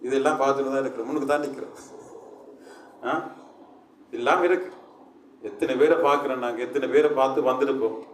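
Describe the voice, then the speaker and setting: A man's voice: medium pitch, quick pace, pauses often, reverberant, recorded from a distance, slight background noise. A man preaching a sermon as pastor, with emphatic, repetitive calls that rise in force.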